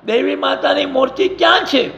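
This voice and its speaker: Brief: bold jungle hero, gravelly and high, shouting commands; a male storyteller does the voice. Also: normal speed, dull audio, full character voice. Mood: defiant. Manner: loud, challenging shouts.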